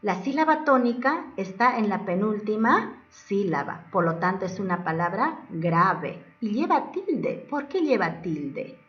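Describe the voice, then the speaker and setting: A woman's voice: mid-range voice, very animated, unhurried. A woman teacher explaining a lesson step by step, asking questions and then answering them herself. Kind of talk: classroom lesson narration. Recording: distant, dull lo-fi mic.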